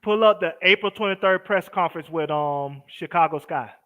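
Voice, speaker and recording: Easygoing male co-host, bright and a touch high-pitched. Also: normal speed. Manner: easygoing, hesitant, lots of fillers. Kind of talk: casual live-stream chat.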